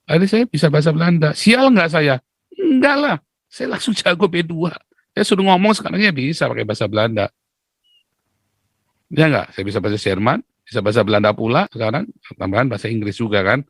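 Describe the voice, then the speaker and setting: A man from Indonesia, a pastor and YouTuber, talking casually to his viewers in an animated way, keeps asking rhetorical questions and answering them himself, with teasing laughs. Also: a little high, a little fast, no room sound. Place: Netherlands.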